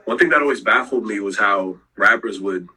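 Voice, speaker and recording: A young man, a rapper guest on a podcast, talking in a relaxed, laid-back way with fillers. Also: fairly low pitch, fairly quick, husky, low-quality recording. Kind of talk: casual interview chat.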